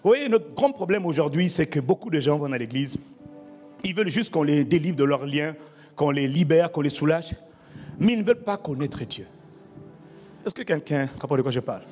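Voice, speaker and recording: A man's voice: a little high, animated, moderate pace, a little mellow, in a large hall, soft background music. A man preaching a sermon as pastor, emphatic and calling out to the congregation. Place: church.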